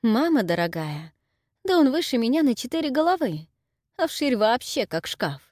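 Shrill old granny, crafty, cracked voice, hollering, leaping pitch, dry audiobook sound. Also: female voice, very animated, takes it slowly, a bit bright, no room sound, exaggerated voice. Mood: indignant.

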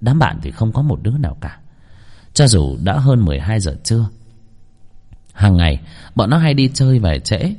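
A man narrating a ghost story in an expressive storytelling manner. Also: on the low side, moderate pace, pauses often.

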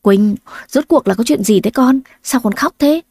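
A woman voicing a worried older mother-in-law in a spoken story, talking anxiously in a high, warm voice. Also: moderate pace, vocal fry, no echo, studio quality. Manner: anxious, pleading then scolding.

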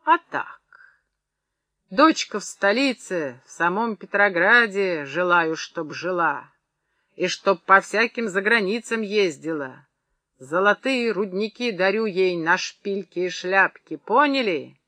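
A drunk, swaggering old gold-mine owner boasts loudly in a high, sharp voice, as a male reader puts him on. He sounds like a boastful audiobook character voice. The recording is close and dry, with no room around it. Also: expressive, slow, dry recording, full character voice.

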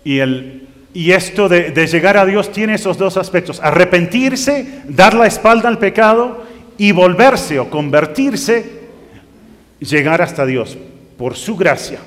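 A man preaching a sermon, reading scripture aloud and rising to emphatic bursts. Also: high-pitched. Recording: long reverb of a hall.

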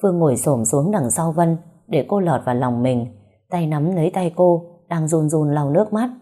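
A woman narrating a romance story, with even, unhurried reading. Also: low-pitched.

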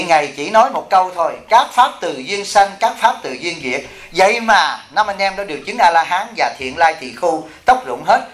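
Middle-aged male abbot, animated sermon storyteller, higher voice, roomy echo. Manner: animated storytelling, acting out quoted voices, asking the audience. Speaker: Buddhist monk and abbot. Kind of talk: dharma talk. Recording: echoey hall.

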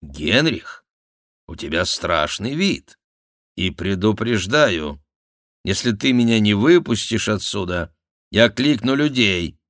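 A man reading an audiobook, voicing a cheeky, theatrical court jester with a high mocking voice. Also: animated, takes it slowly, a bit bright, no echo, clean studio sound. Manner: mocking, shrill exclamations, mimicking. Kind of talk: audiobook character voice.

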